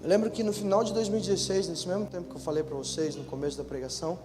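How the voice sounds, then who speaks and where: High-voiced young Brazilian pastor preaching. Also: male voice, fairly even intonation, very fast. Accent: Brazilian Portuguese. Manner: preaches loudly at first, then tells a story in a quiet, intimate voice. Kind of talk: sermon. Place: church hall. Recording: church hall reverb, music behind. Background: soft music.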